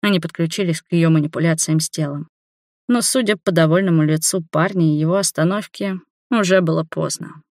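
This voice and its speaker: Steady first-person audiobook narrator. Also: mid-range voice, fairly quick, dry recording, studio quality. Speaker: audiobook reader.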